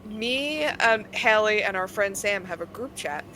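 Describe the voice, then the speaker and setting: A young woman with a Philadelphia accent co-hosting a casual podcast chat, chatty and quick to laugh. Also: medium pitch, expressive, sharp tone, a little hiss or hum. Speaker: podcast co-host.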